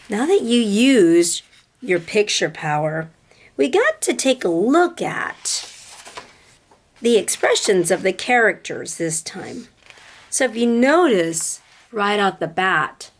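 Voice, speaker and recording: A woman teacher with a lowish voice reads a picture book aloud to children with expression, using deliberate phrasing and asking questions as she explains the story.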